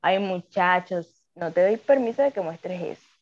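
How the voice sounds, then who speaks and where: A woman's voice: on the low side, lively intonation, normal speed, highs cut off. A young woman with a coastal Colombian Spanish accent chats casually as a podcast guest, rambling and exclaiming as she goes. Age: young adult.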